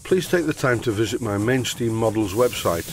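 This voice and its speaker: An older model engineering tutor from northern England, his accent softened, narrates an unscripted workshop tutorial voice-over at normal speed. He sounds relaxed and stutters slightly, recorded on a high-end studio microphone with a little hiss or hum.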